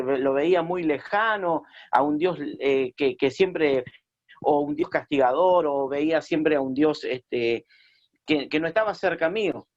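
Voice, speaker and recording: A man's voice: fairly high pitch, dull audio. A man from Chile, a pastor telling his testimony in a radio interview, hesitant with many fillers and restarts.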